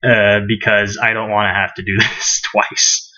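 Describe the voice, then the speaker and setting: A man's voice: lowish voice, little pitch movement, measured pace, bright, forceful tone. A man streaming live, chatting casually and joking at his own expense. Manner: laid-back, self-mocking. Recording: muffled lo-fi mic.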